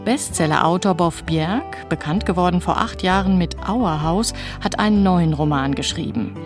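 A woman with a lowish voice hosts and interviews on a literary radio programme. She speaks close to a studio microphone, and her delivery is articulate, measured and scripted.

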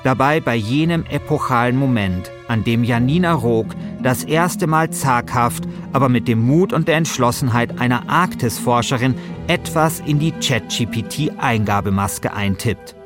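Over music, a man with a mid-range voice hosts a German-language podcast at a moderate pace. He mixes scripted narration with casual conversation, telling things in a wry, playfully grandiose manner.

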